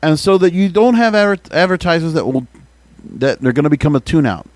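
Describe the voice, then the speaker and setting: A man's voice: fairly high pitch, a little fast, dry recording. An American man hosting a podcast, giving emphatic, opinionated commentary and often putting rhetorical questions to the listener. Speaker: podcast host. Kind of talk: opinionated music radio commentary.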